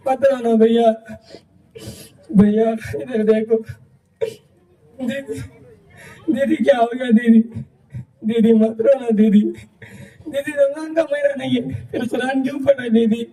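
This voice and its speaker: A man's voice: very high voice, warm tone, roomy sound, recorded from a distance, rough recording. A young man voicing the frightened spirit of a dead youth, pleading and crying out to his family.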